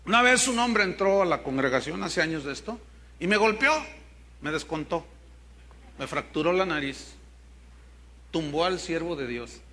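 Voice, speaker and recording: An older Mexican pastor with a Mexican Spanish accent preaches a sermon, telling humorous stories and joking with his congregation. His fairly high voice is animated and sharp, at a normal speed with long pauses, and there's a little hiss or hum on the recording.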